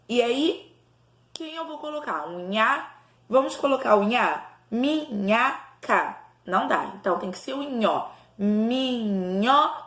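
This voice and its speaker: A woman teacher with a fairly high voice works through a lesson for young children. She pronounces each word slowly, syllable by syllable. Her voice rings in a bare, echoey room. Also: fairly bright tone. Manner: slow, syllable-by-syllable enunciation for children. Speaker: primary school teacher. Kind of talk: recorded remote lesson for young pupils.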